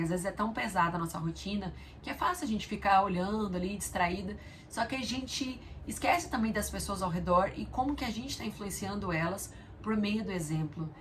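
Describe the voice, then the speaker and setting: A woman's voice: medium pitch, slight background noise. A woman and mother hosting a reflective spiritual talk, telling stories earnestly and speaking straight to the viewer. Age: adult mother of a young daughter. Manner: earnest, storytelling, addresses viewer directly. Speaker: spiritual video host.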